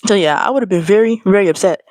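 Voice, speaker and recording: Woman vlogger, animated slangy rant, average pitch, dry sound. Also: fast, no room sound. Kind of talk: casual ranting monologue.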